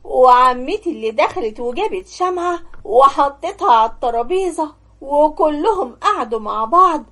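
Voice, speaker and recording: A young woman with an Egyptian accent narrating a story in a steady, even manner. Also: sits high, moderate pace. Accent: Egyptian Arabic.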